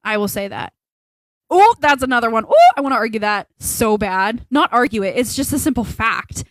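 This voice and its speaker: A young woman co-hosting a casual podcast, her voice sitting a little high. She rambles through her opinions and leans hard on her points. The sound is dry and close, with no room echo. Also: sing-song, moderate pace. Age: young adult. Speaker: podcast co-host. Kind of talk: casual chat.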